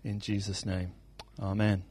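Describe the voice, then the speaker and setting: A man leading a church meeting, introducing a guest speaker and then praying, in a relaxed way with many pauses and fillers. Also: on the low side. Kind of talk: introduction and prayer.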